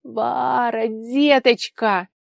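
A woman voicing a gentle aunt who speaks slowly and softly in an audiobook. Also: fairly high pitch, dry recording, clean studio sound. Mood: tender. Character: slight older aunt, tender and soothing.

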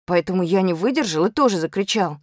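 A woman narrating a children's story in an expressive, lively way. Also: fairly low pitch, fast talker, no room sound, clean studio sound. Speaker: audiobook reader.

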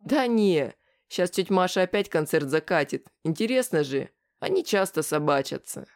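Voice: medium pitch, expressive, normal speed, vocal fry. The reader voicing a cheeky, cocky young lad with a casual, offhand manner in an audiobook.

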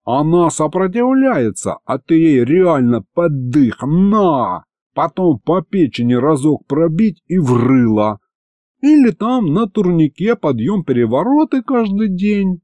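A man's voice: on the high side, sing-song, slow, dark tone, no echo, pitched above the performer's own voice. A man voicing a brash male imp sidekick who talks in street slang. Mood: brash eager.

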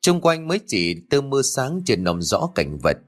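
A man narrating a scripted audio story in an expressive reading. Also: mid-range voice, normal speed, faint music behind.

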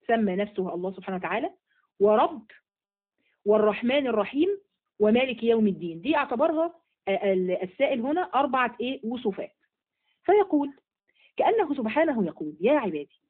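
A woman's voice: on the high side, breathy edge, phone-quality sound. A woman teaching a Quran study lesson in Egyptian Arabic, asking and answering her own questions as she goes. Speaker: religious teacher.

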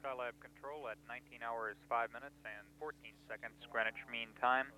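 A man giving live mission status commentary as a control announcer, procedural and sometimes halting. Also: medium pitch, fairly even intonation, pushed and bright, a little hiss or hum. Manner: halting, procedural, reads out times. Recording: dull, band-limited radio-style announcement feed.

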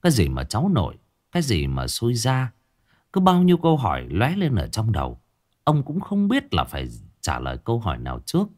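A man narrating an audio story in an expressive storytelling manner. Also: mid-range voice, fairly quick.

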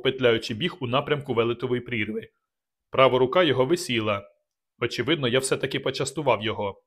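A man narrating a first-person adventure novel aloud, reading with dramatic, measured delivery. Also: medium pitch, a bit bright. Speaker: audiobook narrator. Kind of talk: scripted narration.

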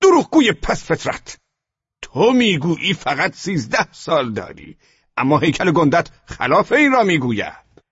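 A man's voice: fairly high pitch, sing-song, breathy edge, voice pushed up, exaggerated voice. A man voicing a brutal, mocking male SS officer who drags out his words and bellows, in an audiobook reading. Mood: shouting. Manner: barking, drawn-out mocking shouts. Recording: dull lo-fi audio.

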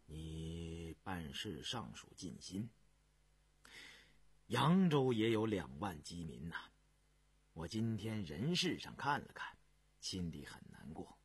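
A man voicing a stern, reserved imperial prince who speaks in a low, measured, weighty way, with a husky voice. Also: very animated, exaggerated voice. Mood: grave.

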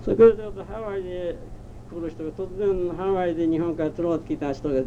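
An elderly man with a very dark, soft tone and a slightly high pitch reminisces in a halting, rambling way. His speech is rustic and old-fashioned. The recording is a dull, muffled old tape with faint noise behind him. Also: steady tone. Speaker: oral history interviewee. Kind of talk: reminiscing in a personal narrative. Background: faint background noise.

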